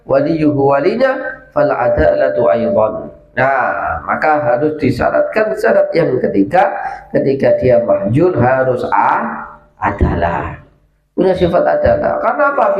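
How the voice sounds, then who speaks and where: A man teaching a kitab study lesson at a boarding school, explaining an Arabic text line by line with lively asides. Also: on the high side. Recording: echoey room, dull lo-fi sound, faint room hum.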